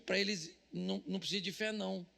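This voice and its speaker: A Brazilian Portuguese-accented pastor preaching to a business crowd, loud and joking, slipping into mock prayers. His voice sits high for a man, with a heavy gravelly fry. The tone is bright and sharp. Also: steady tone, fast, big-room sound. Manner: joking and loud, mimics people praying. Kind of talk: comedic sermon. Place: stage at a business event.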